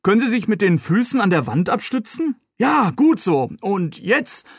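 A friendly young man who jokes his way through a muddy rescue, read aloud by a man. His voice sits a little high and sounds close and dry, like a storybook reading. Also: very animated, moderate pace, slightly rough, no room sound, exaggerated voice. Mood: cheerful. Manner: cheerful, joking. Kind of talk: read-aloud novel dialogue.

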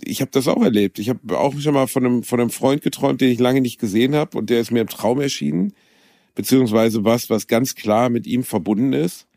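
A man's voice: medium pitch, brisk, gravelly, dark tone, no room sound, studio quality. A man in casual chat, telling a story in a hesitant, reflective way with many fillers.

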